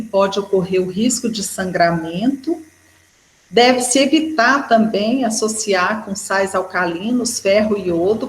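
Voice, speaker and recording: A Brazilian woman lectures at a medium pitch, her voice bouncing around a reverberant room. She explains point by point and keeps tagging her sentences with a quick "né". The sound is that of a recorded class talk. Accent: Brazilian Portuguese. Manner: explanatory, with frequent "né" fillers. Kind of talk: educational lecture. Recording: echoey room.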